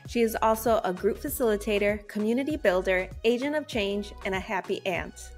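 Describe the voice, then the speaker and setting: Speaking at medium pitch and a fairly quick pace, a woman podcast host opens with a scripted intro before moving into an interview with a guest on a video call, using a headset. She sounds upbeat and grateful, warmly thanking her guest. She's in a home office, with soft background music.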